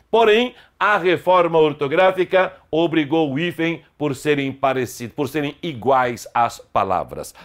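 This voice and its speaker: Brief: middle-aged Brazilian man, online grammar teacher, slightly high voice, emphatic and explanatory. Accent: Brazilian Portuguese. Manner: explanatory, emphatic, lively pitch swings on example words.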